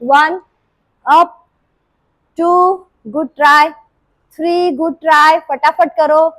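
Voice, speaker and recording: Lady yoga teacher w sore throat, high voice, slow and dry, counting reps n nagging the class. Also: fairly even intonation, a bit bright, no echo, low-quality recording. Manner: scolding, coaxing, counts reps aloud. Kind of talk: live group class instruction. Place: indoor yoga class room.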